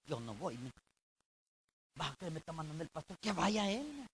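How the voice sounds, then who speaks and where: A man's voice: a little high, big pitch swings, moderate pace, slight background noise. A male preacher voicing a stubborn, proud goat that talks back dismissively to its shepherd. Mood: defiant. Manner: defiant, dismissive.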